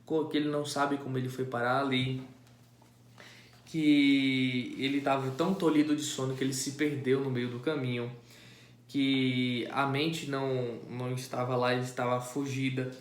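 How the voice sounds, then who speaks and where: A man explaining a classic poem in a casual, halting way, often restarting phrases and adding tag questions. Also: medium pitch, flat delivery. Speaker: amateur literature explainer. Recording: echoey room.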